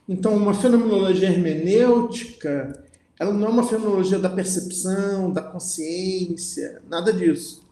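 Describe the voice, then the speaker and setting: A man with a high-pitched, mellow voice lectures on philosophy, reading passages aloud and then commenting on them. He often checks in with listeners using "né?" and frequently restarts his sentences. The sound is reverberant.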